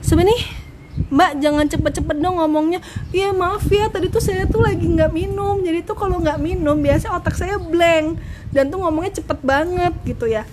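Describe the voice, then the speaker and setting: A young woman hosting a casual live stream, chatty and giggly, answering viewer questions and admitting she talks too fast. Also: very high voice. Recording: noisy live stream audio.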